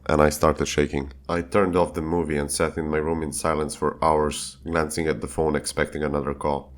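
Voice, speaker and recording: Male horror narrator with an extremely low bass voice, reading a scripted first-person creepy tale. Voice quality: very deep, low voice.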